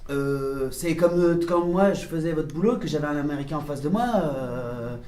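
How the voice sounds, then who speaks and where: A man directing a film, telling animated anecdotes at a press conference, mimicking voices and laughing often. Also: fairly high pitch, moderate pace, echoey room.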